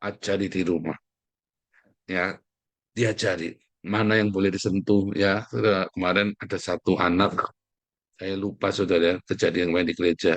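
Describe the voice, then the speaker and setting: Emphatic low-voiced preacher man. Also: level tone, moderate pace, pauses often, no echo. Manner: emphatic, addresses listeners as "saudara". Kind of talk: sermon.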